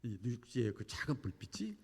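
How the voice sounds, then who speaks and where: A man preaching a sermon as pastor, telling a story animatedly and moving between hushed and emphatic delivery. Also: mid-range voice, sing-song, a little fast, slightly rough, in a large hall. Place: church sanctuary.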